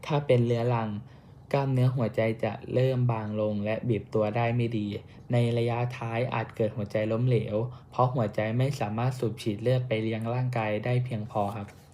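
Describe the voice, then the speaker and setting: A young Thai man reading a class report on a medical topic, careful and steady, with small slips and restarts. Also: medium pitch, fairly quick, slight background noise. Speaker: student presenter.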